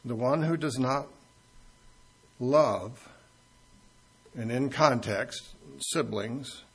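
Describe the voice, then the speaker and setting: Gravelly, husky-voiced male preacher. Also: medium pitch, very slow. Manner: conversational, jokes with the congregation. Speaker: pastor. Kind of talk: expository sermon with anecdotes.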